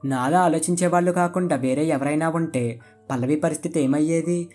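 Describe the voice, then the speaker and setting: A storyteller voicing a husband who calmly explains himself to his wife, read in a plain earnest way. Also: medium pitch, brisk, faint music behind, close to an everyday voice. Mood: reassuring.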